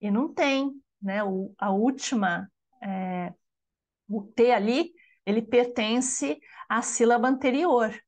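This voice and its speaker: A woman's voice: on the high side, a little mellow. A woman with a Brazilian Portuguese accent, leading a study group as teacher, explaining patiently and often checking in with a tag question. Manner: explanatory, frequent tag "né?", slows to pronounce words syllable by syllable. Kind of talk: online lecture on bilingual education.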